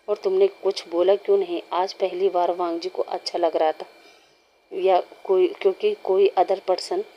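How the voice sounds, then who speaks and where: A woman narrating a fan-fiction story in a steady, plain storytelling manner. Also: fairly low pitch, muffled recording.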